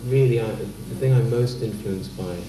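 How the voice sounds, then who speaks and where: A man, a street performer interviewed for TV, talking calmly and hesitantly with many pauses. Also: on the low side, a little hiss or hum. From France, raised in England. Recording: roomy echo, distant mic.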